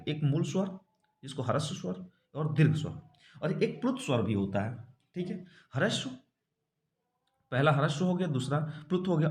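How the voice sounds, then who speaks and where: Lively man teaching a grammar class. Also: fairly high pitch, reverberant. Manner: explains step by step, asks and answers his own questions. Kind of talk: exam-prep grammar lesson.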